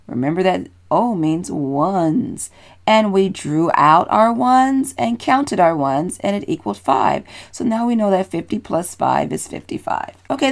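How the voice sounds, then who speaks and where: A woman teacher patiently explaining a children's math lesson, encouraging and repeating steps. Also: on the low side.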